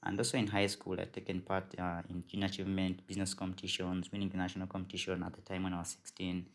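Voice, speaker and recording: A man's voice: low-pitched, completely flat delivery, fast talker. A man with a Ugandan accent, introducing himself in a formal, detailed way. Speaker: podcast team lead. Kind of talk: self-introduction.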